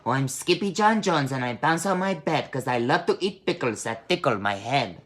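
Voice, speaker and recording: Boastful kitten boy, acted by a storybook reader, excitable, imaginative, swooping lively pitch, raised a little. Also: moderate pace, natural voice. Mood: sing-song, playful. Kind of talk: storybook read-aloud character voice.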